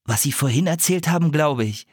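A man's voice: a little high, lively intonation, brisk, husky, no room sound, clean studio sound, pitched above the performer's own voice. A man voicing a curious, skeptical young boy in a storybook reading, with a raised, questioning voice.

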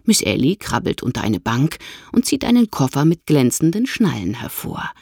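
Narrator: woman, low husky voice, slow expressive children's audiobook reading, dry close recording. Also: dry recording. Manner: expressive storytelling.

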